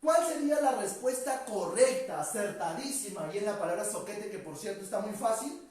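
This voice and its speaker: A male teacher giving a vocabulary lecture, stretching out key words for emphasis and ending sentences with quick tag questions. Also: sits high, animated, a little mellow. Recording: echoey room, distant mic.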